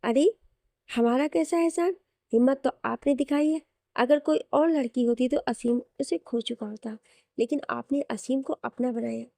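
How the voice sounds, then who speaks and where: A woman voicing a warm, joking young man who speaks respectfully to his sister-in-law. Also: very high-pitched, moderate pace, creaky, no echo, clean studio sound. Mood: affectionate. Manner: affectionate, joking.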